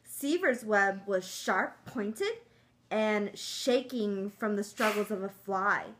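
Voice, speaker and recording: A woman's voice: mid-range voice, animated, takes it slowly, a bit bright. A woman reading a picture book aloud to young children, coaxing them along with simple questions. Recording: clearly noisy room.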